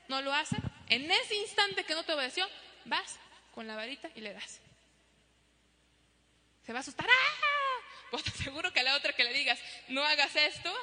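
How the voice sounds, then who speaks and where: A middle-aged woman preaching a sermon to a congregation, animated, acting out parents and children. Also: high-pitched. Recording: long hall reverb.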